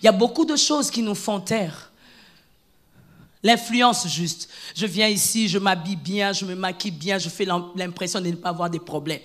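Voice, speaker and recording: A woman preacher giving a fervent sermon in church, moving between low, hushed stretches and loud, repeated calls to her congregation. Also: moderate pace. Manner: fervent, repetitive, shouting exhortations.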